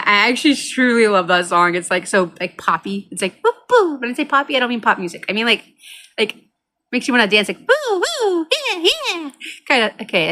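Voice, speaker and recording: A woman chatting casually on her gaming channel in a giggly, cutesy way, often drifting into baby talk. Her voice is bright and sharp, at an ordinary mid pitch. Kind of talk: casual unedited vlog chat.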